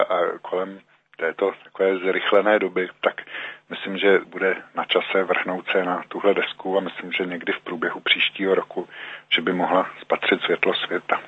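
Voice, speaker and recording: A man's voice: low voice, husky, no echo. A man answering radio interview questions as a guest, hesitant, with many fillers and restarts. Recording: narrow phone-like dry sound.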